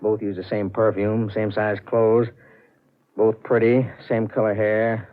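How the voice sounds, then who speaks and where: A man playing a brisk, authoritative police inspector in a 1940s radio drama, clipped and businesslike. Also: lowish voice, level tone, natural voice. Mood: urgent, decisive. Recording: narrow, muffled vintage radio recording.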